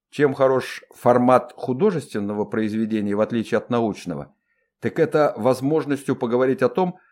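A man narrating an audiobook in a lively, expressive reading voice. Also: mid-range voice.

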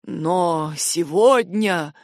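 A woman voicing a grim, shaken nobleman with a hoarse, rasping voice, speaking in slow, halting phrases for an audiobook. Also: fairly low pitch, no echo, clean studio sound, voice pushed down. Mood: grave. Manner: halting, heavy delivery. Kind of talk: audiobook character voice.

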